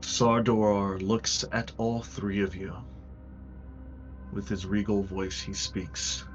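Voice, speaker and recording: Slow, low-voiced man narrating fantasy. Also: fairly even intonation, lo-fi sound, soft background music. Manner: measured, portentous, with dramatic pauses. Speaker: game master. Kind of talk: dramatic tabletop game narration.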